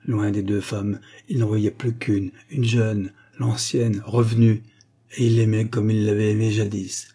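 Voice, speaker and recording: A man narrates a classic story with measured, expressive pacing. His voice is dark and mellow, with a husky, slightly breathy texture. The delivery is calm and literary, suited to an audiobook reading. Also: on the low side.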